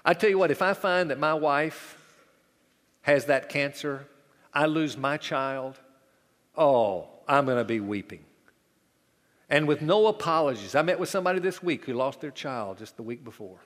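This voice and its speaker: A man's voice: fairly high pitch, expressive, normal speed. Man preaching a dramatic sermon in a big hall. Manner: dramatic preaching, swings from loud to hushed. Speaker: pastor.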